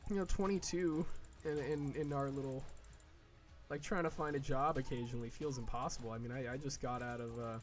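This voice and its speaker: A mid-range, steady-toned male voice belongs to a gaming video creator in his early twenties. Playing a game, he chats casually and rambles, packing in fillers, restarts, and swearing. His quoted asides come out as slow, drawn-out mock whining.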